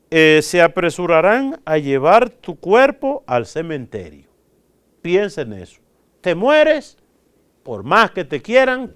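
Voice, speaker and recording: A man's voice: fairly high pitch, smooth. A man, a priest, preaching a sermon and telling a story, acting out the quoted voices.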